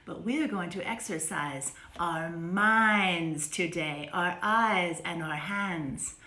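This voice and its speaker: A woman's voice: lowish voice, takes it slowly, sharp tone. A woman hosting a live online drawing class for children, upbeat and chatty with her viewers. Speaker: drawing teacher and host. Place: home studio. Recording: echoey room, faint noise.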